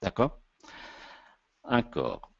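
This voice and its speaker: An Italian-accented man lectures at an unhurried, deliberate pace in a fairly low voice, stopping often to hunt for the right word. The sound is dull and lo-fi, with a dry, close feel. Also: huge pitch swings, creaky, a bit bright, dry recording. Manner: halting, searches for words, frequent hesitations. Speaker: actor and director giving a talk on voice. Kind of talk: informal lecture.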